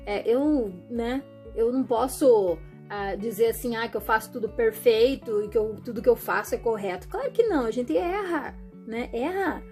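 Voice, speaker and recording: A woman talking to her viewers in a chatty, animated way, often acting out what other people say. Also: high voice. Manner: chatty, animated, acts out quoted voices. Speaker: vlogger. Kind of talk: casual monologue to camera.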